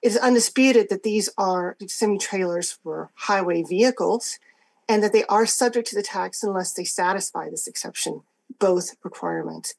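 A woman with a medium-pitched voice presents a formal legal argument. She is assertive and emphatic, setting out her points in measured phrases. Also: gravelly, a little mellow. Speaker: government lawyer arguing an appeal. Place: remote court hearing.

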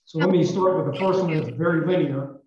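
Speaking for the state at an appellate oral argument, this man keeps to a formal, measured courtroom delivery with a darkish tone. A booming echo, as if he's inside a well, fills the dull, muffled remote line, which also carries a little hiss or hum.

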